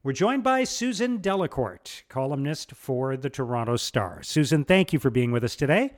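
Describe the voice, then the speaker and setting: Male radio host, middle-pitched, measured studio delivery, some filler words, dry sound. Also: expressive, no echo. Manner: measured, with frequent ums and uhs. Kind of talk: morning radio interview.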